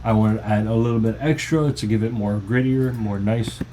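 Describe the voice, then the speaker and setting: A man's voice: fairly low pitch, fairly even intonation, fairly quick, dark tone, slight background noise. Casual man walking through his track. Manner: loose, informal explaining with restarts. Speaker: music producer. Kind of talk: casual tutorial walkthrough. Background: faint music playing.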